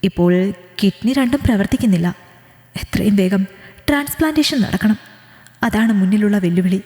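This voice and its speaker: A woman voicing a grieving older father who talks gently and quietly about his sick daughter. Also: medium pitch, lively intonation, moderate pace, close to an everyday voice. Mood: resolute. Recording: echoey room with long reverb.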